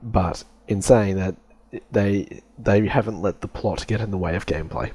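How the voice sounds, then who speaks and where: A man hosting a casual gaming podcast, measured and dry, steering the talk along. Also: on the low side, dark tone, breathy edge. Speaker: podcast host.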